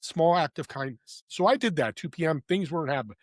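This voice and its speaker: A man, a podcast guest who also hosts a podcast, telling motivational stories in an animated, heartfelt way that drops from loud emphasis to hushed quiet. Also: on the high side, fast, dry recording, studio quality. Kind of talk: earnest motivational storytelling.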